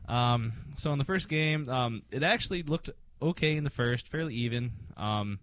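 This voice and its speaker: A man's voice: medium pitch, lively intonation, normal speed, fairly bright tone, no room sound. A man hosting a casual sports podcast, recapping games with frequent ums and hesitations. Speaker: podcast host.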